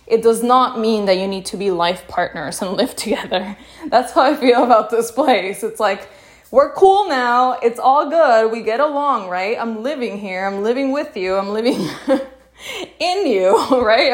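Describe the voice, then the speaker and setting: A young woman from Peru, hosting a casual podcast monologue, candid and chatty, laughing often and saying "like" and "you know" a lot. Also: a little high. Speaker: podcast host.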